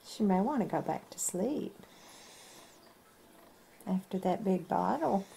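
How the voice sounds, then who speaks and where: A woman chats warmly on a family vlog, cooing and laughing between lines. Her voice sits at an ordinary middle pitch, with a faint hiss of noise behind her. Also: expressive, takes it slowly, vocal fry. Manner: cooing, doting, laughs often. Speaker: vlog host. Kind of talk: casual family vlog chat.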